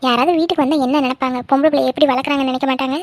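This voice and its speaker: A woman voicing a sharp-tongued middle-aged village mother who scolds her daughter in a cartoon. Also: high voice, fairly even intonation, no room sound, clean studio sound. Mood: scolding. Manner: nagging, fast scolding. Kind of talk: cartoon voice acting.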